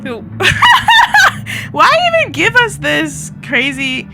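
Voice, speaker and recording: A woman playing through a narrative game, reading the text aloud and reacting in a chatty, excitable way. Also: fairly high pitch, moderate pace, creaky, over music. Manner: chatty, excitable, laughs a lot. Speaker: game streamer. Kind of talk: let's play commentary and reading aloud.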